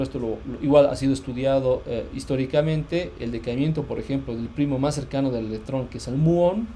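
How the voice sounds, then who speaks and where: Male physics lecturer, mellow tone, hesitant and repetitive delivery, slight noise in the recording. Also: medium pitch. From Bolivia. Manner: hesitant, many fillers and restarts, checks understanding often. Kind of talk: university lecture.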